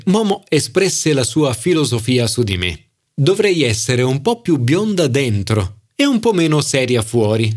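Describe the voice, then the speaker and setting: A man reading an audiobook in scripted, expressive narration. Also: medium pitch. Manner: expressive storytelling. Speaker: audiobook reader.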